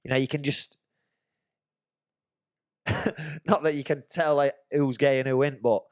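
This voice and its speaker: A man's voice: medium pitch, measured pace, smooth, no echo, studio quality. A man, telling a swear-filled story on a podcast. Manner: swears freely, animated anecdote telling. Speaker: podcast host. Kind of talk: casual chat, storytelling.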